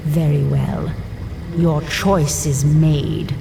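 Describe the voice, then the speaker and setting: A woman voicing a menacing, vengeful female sea witch, heard as a disembodied, echoing voice whose speaker is unseen, making slow threatening pronouncements. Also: low-pitched, steady tone, gravelly, noisy background, exaggerated voice. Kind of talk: video game cutscene voice acting. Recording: echoey voice over loud game music.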